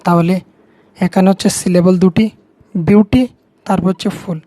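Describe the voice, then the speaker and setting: A woman's voice: fairly low pitch, fairly even intonation, moderate pace, warm tone, no room sound. A woman with a Bengali accent, patiently explaining English grammar to students step by step, repeating key words. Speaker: teacher.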